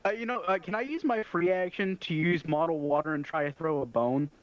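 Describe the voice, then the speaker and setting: Higher-pitched stammering man, slightly muffled. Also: a little fast, no room sound. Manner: hesitant, stammering. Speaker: tabletop game player. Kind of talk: casual game chat.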